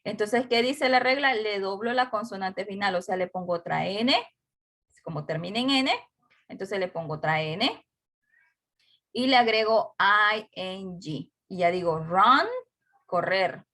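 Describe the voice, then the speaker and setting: Slowly and patiently, this English teacher explains a grammar rule to her class, repeating every word and spelling letters individually. Her everyday-pitched voice sounds pushed and bright.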